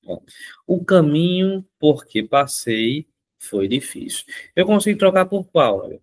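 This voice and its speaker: Lively male teacher. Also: fairly high pitch, unhurried. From Northeast Brazil. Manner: lively, repetitive, coaxing. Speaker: Portuguese teacher. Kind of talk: online grammar lesson.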